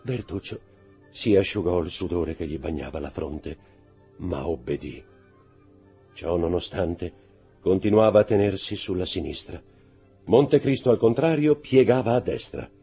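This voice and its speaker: Guy narrating an audiobook, low gravelly voice, super husky, swings around a lot, faint music behind. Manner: dramatic, expressive reading. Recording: reading over faint background music.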